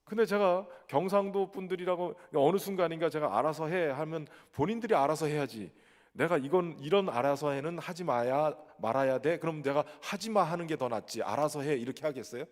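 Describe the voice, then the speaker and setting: A male pastor from Chungcheong, South Korea, with a Chungcheong Korean accent, preaching a sermon in a lively, conversational way with touches of humor. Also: fairly high pitch, brisk, big-room sound. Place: church sanctuary.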